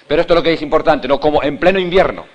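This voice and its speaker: A man's voice: a little high, rapid-fire. An older man from Spain, a Dominican priest giving a Bible seminar sermon, emphatic and repetitive, often asking the audience rhetorical questions. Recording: dull lo-fi recording.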